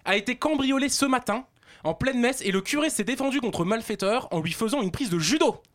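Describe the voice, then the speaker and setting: A young man delivering a comic news column on a group show, joking, excitable and laughing as he stumbles over his words. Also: very high-pitched, a little fast.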